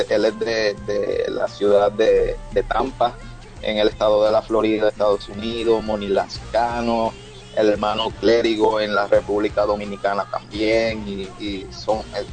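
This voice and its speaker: A man from Rico, a guest on a radio show, speaking haltingly with many restarts. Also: fairly low pitch, a little mellow, rough recording. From Puerto Rico. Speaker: guest musician.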